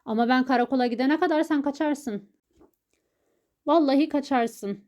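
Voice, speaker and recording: A woman's voice: high-pitched, normal speed, darkish tone, muffled recording, natural voice. A woman voicing a flustered, indignant male tenant in an audiobook, blustering as he speaks.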